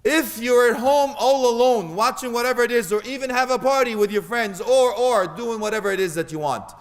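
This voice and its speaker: A man with a notably high voice delivers a sermon, mixing humor and acted-out scenes with Arabic phrases. His voice rings out with a long reverb, as if filling a large hall. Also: brisk. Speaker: preacher. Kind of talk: animated Islamic sermon.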